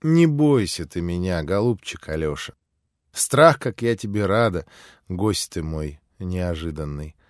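A lively, capricious young woman, playful and teasing one moment and fiery the next, as a male audiobook reader puts her on. Her voice rises and falls freely, and the reading sounds close and dry. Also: medium pitch, moderate pace, no room sound, close to an everyday voice. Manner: playful, teasing, then vehement.

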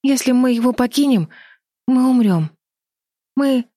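A frightened girl protects her sister in an urgent, raised, higher voice, as a woman reading an audiobook puts her on. She sounds desperate but brave, read close and dry. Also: animated, unhurried, mellow, dry recording. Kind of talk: audiobook character voice.

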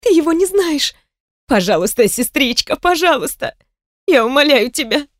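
Woman reader doing a frantic older sister, hoarse and shrill, begging hard, audiobook. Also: very animated, normal speed, no echo, studio quality. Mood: desperate pleading. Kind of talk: audiobook character voice.

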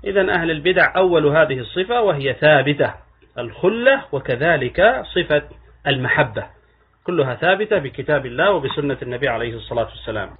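A man teaching hadith in a measured lecturing cadence, his voice set a little high and husky. He leans into key words with rising emphasis. The recording is tinny and narrow, like it came over a phone line. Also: animated. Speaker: Islamic scholar. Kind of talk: religious lesson explaining hadith.

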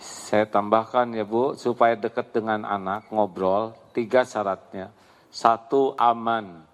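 Male preacher, animated storyteller, hall reverb. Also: fairly low pitch, takes it slowly. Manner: lively storytelling, acts out voices, laughs often. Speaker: preacher answering a question. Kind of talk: Islamic sermon, Q&A with audience.

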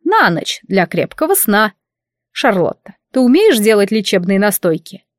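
A woman voicing an overbearing, meddling middle-aged mother who speaks slowly and preachily in an audiobook. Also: medium pitch, very animated, no echo, clean studio sound, lightly acted. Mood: domineering. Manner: slow, domineering, preachy.

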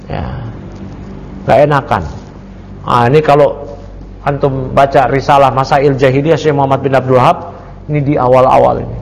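Male ustadz, slightly high, gravelly voice, conversational book-study teaching, echoing hall. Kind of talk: sermon-style book study. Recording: long reverb, faint background noise.

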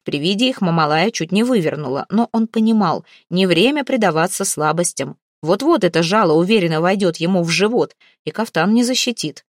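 A woman reads an adventure novel aloud with expressive, lively storytelling. Her voice moves freely up and down. The recording is dry and close, with no room sound. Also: fairly low pitch, a little fast, few pauses, no room sound. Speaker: audiobook narrator. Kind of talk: scripted narration of a historical novel.

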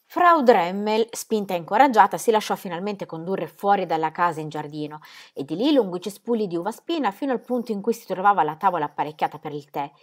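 Woman narrator, measured audiobook reading of a novel, calm and expressive. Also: mid-range voice. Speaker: reader of a novel.

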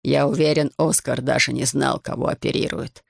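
A man voicing a distraught heavyset businessman begging for help for his arrested son, in a slow, broken, pleading way. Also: mid-range voice, fairly even intonation, creaky, husky, no echo, clean studio sound. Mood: desperate pleading. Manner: desperate, pleading, slowed and broken.

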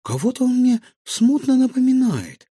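A man's voice: very high voice, big pitch swings, normal speed, warm tone, husky, no room sound, studio quality, voice pushed up, full character voice. A man voicing a curious, eager young boy in a storybook.

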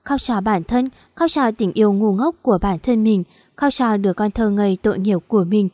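A woman's voice: medium pitch, normal speed, dark tone, no room sound. A woman narrating an audio story in a sorrowful, emotional manner, close to the mic.

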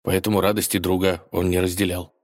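A man narrating a fairy tale for children, gently addressing his listeners directly. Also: low-pitched, flat delivery, brisk.

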